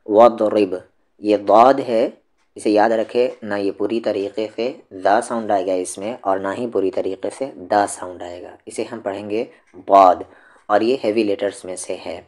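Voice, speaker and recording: A man teaches tajweed step by step. He speaks slowly and patiently, repeating each sound so the learner can copy it. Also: fairly low pitch, darkish tone. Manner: slow, patient, repeats each word to demonstrate it. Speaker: Quran recitation teacher. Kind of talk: tajweed lesson, explaining and demonstrating pronunciation.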